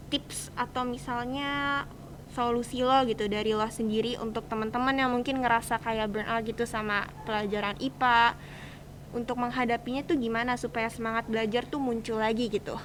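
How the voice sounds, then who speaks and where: A teenage high school student from Indonesia with a Jakarta accent hosts a casual student podcast, chatting and interviewing in encouraging, colloquial speech. Her voice is on the high side and fairly bright, with a steady tone at normal speed. The recording is rough, with faint ambient noise in the background.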